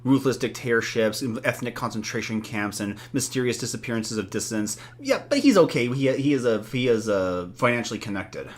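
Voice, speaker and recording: A man's voice: medium pitch, expressive, fairly quick, few pauses. A man co-hosting a podcast, chatting casually with a sardonic edge. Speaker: podcast co-host.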